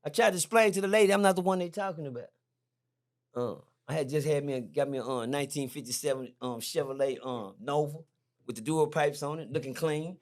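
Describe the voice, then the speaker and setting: A middle-aged man, a podcast guest, telling a story in a lively, slangy way, repeating himself and jumping high when excited. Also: a little fast. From Texas. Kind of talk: animated storytelling. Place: podcast studio.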